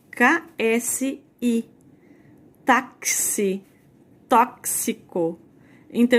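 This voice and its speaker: Slow-paced Brazilian woman teaching. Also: fairly high pitch. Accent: Brazilian Portuguese. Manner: explains slowly, spells out sounds and repeats key points. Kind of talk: recorded video lesson.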